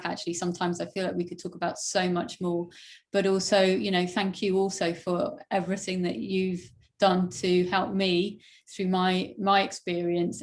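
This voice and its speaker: A woman hosting a recorded call interview, praising her guest at length in a rambling, effusive way. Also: on the low side. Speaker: podcast host. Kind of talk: warm interview wrap-up.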